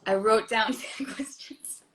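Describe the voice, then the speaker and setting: A woman, an actress, chatting earnestly on a phone livestream from a hotel room, quick to laugh. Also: fairly high pitch, fairly bright tone, reverberant. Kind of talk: casual livestream chat.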